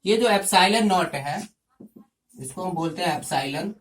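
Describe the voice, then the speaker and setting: A man's voice: high voice, a little slow, a bit bright, distant mic, slight background noise. Man teaching physics from off the mic. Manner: explains step by step, often checks in with "ठीक". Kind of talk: classroom lecture.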